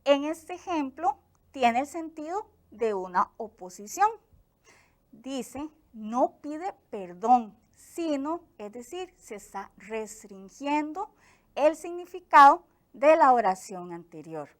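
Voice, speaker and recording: A woman teacher from Costa Rica with a Costa Rican accent, giving a clear, explanatory grammar lesson for television. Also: sits high, very animated. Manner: slow, clear explanatory delivery.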